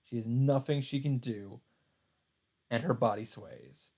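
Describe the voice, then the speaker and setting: Measured and a little mellow, a medium-pitched male voice reads visual novel narration aloud for a let's play. It's scripted storytelling, backed by game music.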